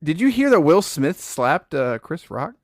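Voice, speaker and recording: A man's voice: on the high side, sing-song, measured pace, no room sound, clean studio sound. A man co-hosting a gaming podcast in casual, playful chat.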